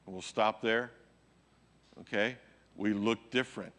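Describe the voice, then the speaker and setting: A man's voice: lowish voice, steady tone, takes it slowly, a bit bright. A male pastor preaching a sermon in a conversational way, often checking in with his listeners. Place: church.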